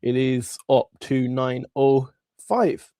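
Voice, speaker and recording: A man hosts a casual market livestream with a thick, congested voice, as if through swollen tonsils and a head cold. There is a gravelly creak in it. He talks informally and directly to viewers, and the sound is dry and close. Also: mid-range voice, slow pace, warm tone, no room sound. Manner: informal, chatty, addressing viewers. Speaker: livestream host. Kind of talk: casual live stock market commentary.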